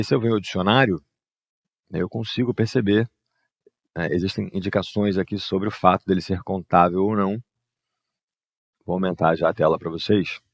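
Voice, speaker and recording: A man's voice: sits low, a little fast, long pauses, no room sound. A man, patiently explaining exercise answers as an English teacher and often adding "né" and "ó". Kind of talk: explaining exercise answers over a screen share.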